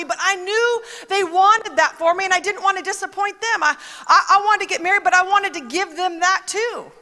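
A woman delivers a conversational sermon in a very high, bright voice, chatty and emphatic, frequently quoting others along the way. A long reverb makes her words ring out as though in a large church hall.

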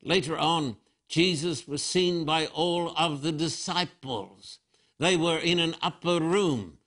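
An older man preaching a sermon as pastor, telling the story with animated storytelling and acted-out quotes. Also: a little high, takes it slowly.

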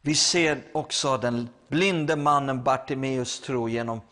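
A man's voice: mid-range voice, a bit bright. A man preaching a sermon, retelling a Bible story with acted quotes and stammering restarts.

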